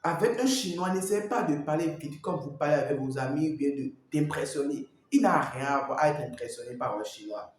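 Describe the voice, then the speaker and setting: A man's voice: fairly high pitch, animated, fairly quick. A man working as a language coach, giving advice straight to the viewer and repeating his points. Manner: repetitive, talks straight to the viewer. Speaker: Mandarin coach. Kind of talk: teaching advice to camera. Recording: very echoey room.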